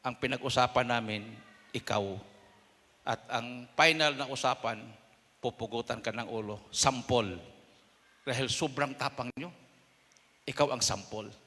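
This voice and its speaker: A Filipino man preaching a sermon testimony, telling a story and acting out quoted voices with sudden loud bursts. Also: medium pitch, measured pace, pauses often. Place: church hall. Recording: long hall reverb.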